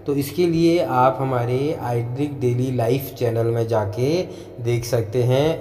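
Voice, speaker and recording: Slow-speaking man teaching, echoey room. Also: medium pitch, dark tone. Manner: patient, repeats words for pupils to echo. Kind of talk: slow classroom lesson with recitation.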